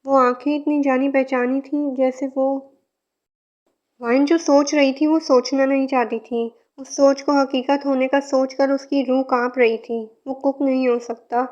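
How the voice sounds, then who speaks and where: Woman reading a fanfic, high voice, kinda muffled lo-fi audio. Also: a little slow. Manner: steady storytelling narration. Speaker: narrator. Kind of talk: fan fiction reading. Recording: muffled lo-fi recording.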